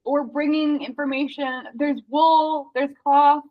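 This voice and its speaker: Excitable woman reading aloud, lo-fi. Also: sits high. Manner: excitable, reads passages aloud in quick bursts. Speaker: research partner reading sources aloud. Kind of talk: casual research chat, reading aloud. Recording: dull lo-fi sound.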